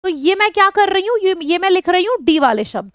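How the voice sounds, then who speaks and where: A woman's voice: extremely high pitch, big pitch swings, brisk, dry recording, clean studio sound. A woman with an Indian accent teaching an exam-prep vocabulary lesson. She runs through word lists and puts questions to the viewers. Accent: Indian English.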